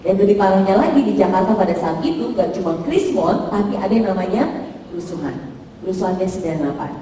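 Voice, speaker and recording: A woman in her thirties from Indonesia, giving a motivational seminar talk and asking the audience lively questions. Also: medium pitch, fast talker, slight background noise. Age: 30s. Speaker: motivational speaker. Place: hotel function room. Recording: echoey hall from far off.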